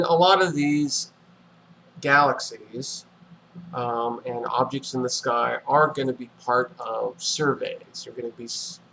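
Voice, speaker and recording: A man hosting a casual livestream, thinking aloud in a relaxed, musing way with many fillers. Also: mid-range voice, a little hiss or hum, poor audio. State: relaxed and yawning. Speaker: livestream host.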